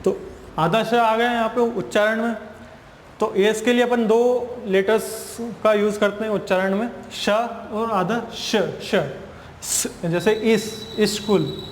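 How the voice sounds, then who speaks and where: The recording carries a long echoing reverb and a faint hiss. Through it, a high-voiced man teaches spoken English grammar in Hindi at an unhurried pace, going over each point patiently more than once and posing questions that he then answers himself.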